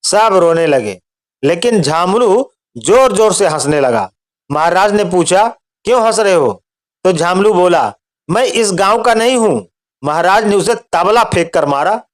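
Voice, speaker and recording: Guy with a high voice reading jokes one after another, steady delivery. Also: measured pace.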